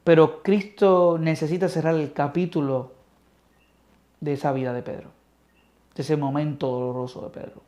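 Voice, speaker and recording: A man preaching through a Bible lesson in a slightly high voice. He swings from forceful emphasis down to hushed, almost whispered words. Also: normal speed, long pauses. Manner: expressive, swings between loud emphasis and soft near-whispers. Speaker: Bible teacher.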